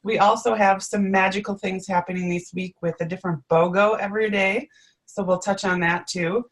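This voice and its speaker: A woman's voice: medium pitch, steady tone, normal speed. A woman co-hosting a live webinar, explaining things in a friendly, casual way with frequent ums. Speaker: webinar co-host. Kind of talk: casual presenting.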